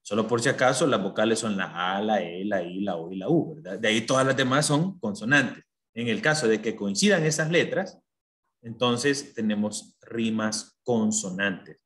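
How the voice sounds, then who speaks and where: A man teaching a lesson, explaining step by step in a patient, even voice. He keeps stopping to ask his students whether things are clear. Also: fairly low pitch, normal speed. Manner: explains patiently, checks understanding with questions. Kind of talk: online class lesson.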